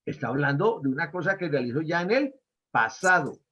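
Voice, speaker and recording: A man's voice: a little high, very animated, a little fast, fairly bright tone, slightly rough. A man, a pastor, leading a Bible study and quizzing his listeners on verb tenses. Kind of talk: Bible study lesson with questions to students. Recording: dull lo-fi recording.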